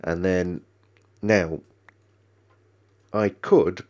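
A man with a cold and a blocked nose gives casual let's-play commentary, rambling with plenty of ums and restarts. His voice is deep and darkish, with a steady tone and a very slow pace.

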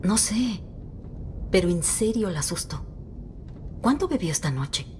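A woman's voice: lowish voice, lively intonation, measured pace, slight background noise. An actress in her thirties playing a firm, worried mother in a dubbed film drama. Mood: alarmed. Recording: film soundtrack with loud music behind. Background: loud music.

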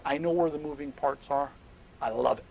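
A middle-aged man speaking at a live seminar on a small indoor stage, emphatic and animated, sometimes dropping to hushed asides. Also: on the high side, moderate pace, gravelly, slight background noise, rough recording.

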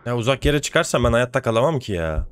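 A man's voice: medium pitch, very animated, fast, clear, resonant tone. Exasperated young-sounding man gaming. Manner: exasperated, swearing running commentary; talks to himself while playing. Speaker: gaming channel host. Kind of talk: let's play commentary.

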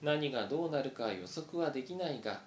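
A man reading aloud, voicing a brave young male mouse who speaks haltingly, choked with emotion, in a roomy recording. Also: medium pitch, animated, a little hiss or hum, lightly acted. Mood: resolute. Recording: roomy echo.

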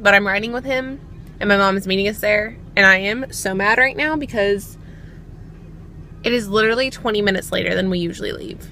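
A young woman chatting casually to her camera in a beauty vlog, upbeat with quick asides. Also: mid-range voice, sharp tone, a little hiss or hum. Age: young adult. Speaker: beauty vlogger.

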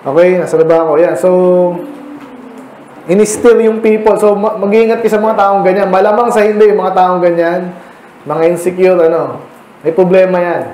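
Filipino pastor with a high, mellow voice. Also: male voice, steady tone, moderate pace. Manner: conversational, mixing English into Tagalog, asking the congregation questions. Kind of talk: midweek Bible study sermon. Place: church hall. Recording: echoey room with faint ambient noise.

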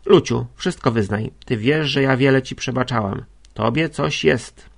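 Audiobook: male reader voicing a shrill, bossy old invalid lady, raised pitch, loud, gravelly edge. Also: normal speed. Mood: alarmed. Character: sick, fretful, domineering older lady invalid. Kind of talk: audiobook character reading.

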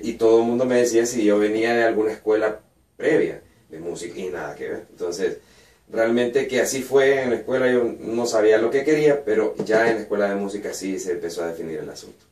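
A man's voice: fairly low pitch, distant mic. A man in his thirties with a Honduran Spanish accent, a singer-songwriter guest telling stories in a small radio studio. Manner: animated, laughs while telling anecdotes. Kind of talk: storytelling interview answers. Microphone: boom mic at a desk, headphones on. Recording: echoey room, voice picked up from afar.

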